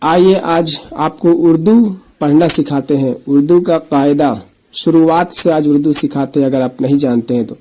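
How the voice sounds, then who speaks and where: Guy teaching kids urdu letters, kinda high mellow voice, says each letter slow and patient. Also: fairly even intonation, poor audio. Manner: patient, repeats letter names slowly, then quicker explanations. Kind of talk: slow letter-by-letter reading lesson.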